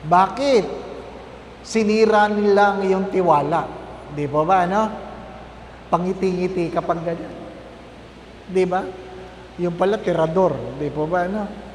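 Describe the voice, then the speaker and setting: A man's voice: high-pitched, fairly even intonation, measured pace, long pauses, reverberant, in a large hall, slight background noise. A man, a priest, gives a conversational Lenten talk to a congregation, often checking in with tag questions. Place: parish church.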